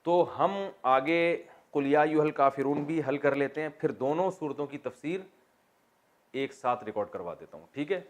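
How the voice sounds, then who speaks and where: Man teaching a class, quizzing students. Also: fairly high pitch. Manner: explains step by step, asks the class questions and answers them himself. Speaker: religious teacher. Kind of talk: classroom lecture on Quran vocabulary and grammar.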